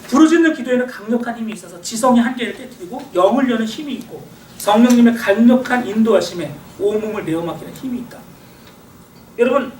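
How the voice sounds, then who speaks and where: A middle-aged male pastor giving a sermon lecture in a church hall, acting out inner voices and swinging between loud and quiet. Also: sits high. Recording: echoey hall, voice from far off, faint hiss.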